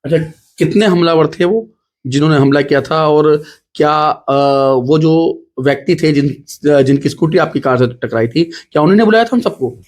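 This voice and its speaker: A man hosts a news report and questions a woman about an attack. His voice sits somewhat high for a man. He speaks in an emphatic, rhetorical way. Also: lively intonation, moderate pace, darkish tone. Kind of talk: field news reporting and interview.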